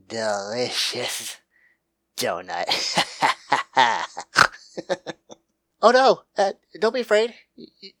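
A huge, greedy male otter, voiced by a man, coaxes the listener in a slow, drawn-out hypnotic drawl. His pitch sits squarely in the middle, and he teases with a sly, playful edge. The piece is an audio hypnosis roleplay. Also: fairly bright tone. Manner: teasing, slow and coaxing, with chuckles.

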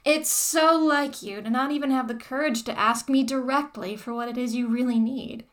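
A woman playing a mocking, controlling former dominatrix in a whispered audio roleplay, talking to the listener in a slow, taunting way. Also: mid-range voice.

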